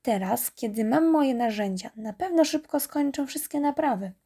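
A woman voicing a flustered male car mechanic in a children's story, anxious and hurried. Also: sits high, expressive, warm tone, slightly rough, full character voice. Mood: relieved.

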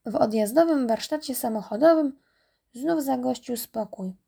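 A woman narrating a children's storybook in a calm, even reading voice. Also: high-pitched, moderate pace, vocal fry, breathy edge.

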